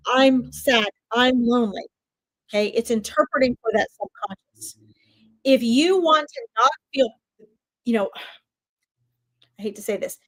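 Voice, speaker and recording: A woman's voice: on the high side, a bit bright, no echo, low-quality recording. A woman in her fifties, a medium giving chatty live readings straight to her viewers. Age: 50s.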